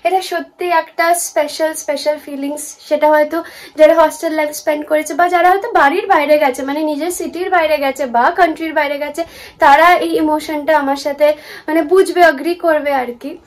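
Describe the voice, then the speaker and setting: Chatty high-voiced young woman vlogging. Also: fairly even intonation. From Kolkata, India. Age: young adult. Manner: fast, chatty, mixes in English words. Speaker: vlogger, student in the UK. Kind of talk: casual vlog chat. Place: shared student kitchen.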